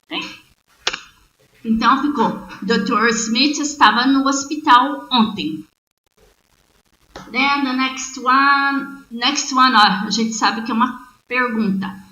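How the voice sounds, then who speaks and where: A native Portuguese speaker with a Brazilian accent teaches a bilingual online English grammar lesson, explaining and spelling out sentences word by word. Her voice sits high and sounds sharp, and she goes slowly with long pauses. The lo-fi audio is roomy and muffled, with faint noise.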